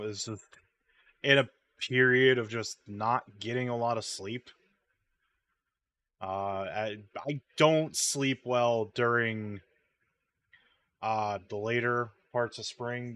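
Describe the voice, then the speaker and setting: A man's voice: medium pitch, fairly bright tone, dry recording. A man chatting casually while streaming a game, sleepy and rambling, humming idly while he waits. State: sleepy, yawning. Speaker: gaming streamer.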